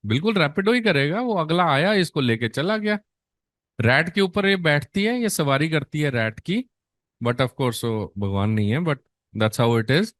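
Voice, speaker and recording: A man with an Indian accent gives an exam-prep lecture, switching between Hindi and English and firing rhetorical questions at his students. His voice sits a little high for a man, and he stretches key terms out slowly to stress them. The sound is dry and close, with no room around it. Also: animated, a bit bright, no echo. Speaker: nursing exam teacher.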